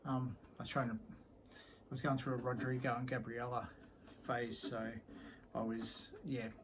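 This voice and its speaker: A middle-aged man talks through his guitars in a relaxed, meandering way, often pausing on an um and letting sentences trail off. His voice sits in an ordinary middle pitch, and a faint hum of ambient noise lies under the recording. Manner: rambling and easygoing, with many ums and trailing sentences. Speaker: guitar collector showing his instruments. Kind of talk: casual show-and-tell vlog.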